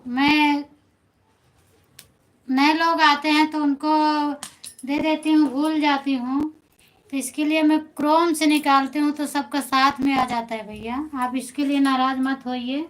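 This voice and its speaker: A woman's voice: sits high, little pitch movement, unhurried, slight background noise, low-quality recording. A woman folk singer with an Awadhi accent, chatting casually with viewers on a phone live stream, answering them by name and reassuring them.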